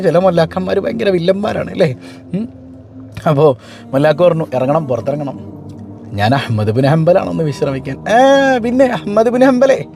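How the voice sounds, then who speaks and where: A man preaching fervently, telling stories and jumping his pitch often. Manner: fervent, animated storytelling with frequent pitch leaps. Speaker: Islamic preacher. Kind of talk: sermon with told stories.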